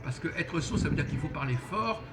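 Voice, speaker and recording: A man's voice: a little high, animated, over music. A man explaining his ideas in casual café conversation, lecturing with many restarts. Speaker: host. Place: busy fast-food restaurant. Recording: crowd noise of a fast-food restaurant.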